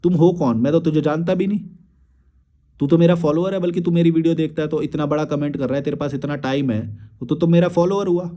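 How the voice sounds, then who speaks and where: A man's voice: on the high side, steady tone, quick pace, dark tone. A young man, a YouTube creator, replying to viewer comments in a blunt, crude and combative rant with frequent swearing.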